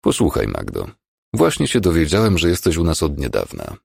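A man voicing a calm, firm emergency doctor in an audiobook. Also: very deep voice, a little fast, vocal fry, husky, no echo, studio quality, full character voice. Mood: lecturing.

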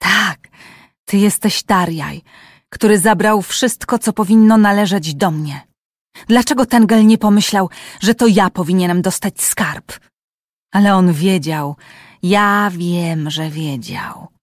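A woman's voice: medium pitch, slow pace, dry recording, clean studio sound. A woman voicing a vicious, grasping man who hisses demands at his brother in a storybook reading. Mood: venomous. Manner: hissing, demanding. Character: vicious grasping male brother, hissing, hate-filled.

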